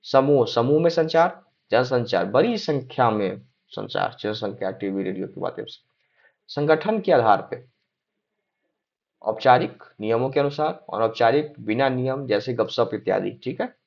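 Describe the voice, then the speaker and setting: A man's voice: mid-range voice, expressive, a little slow, vocal fry. Man teaching a lecture, dull lo-fi sound. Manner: repeats check-in tags like "है ना?" and "ठीक है?"; hesitant fillers while reading out points. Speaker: exam-prep teacher. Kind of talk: explanatory lecture.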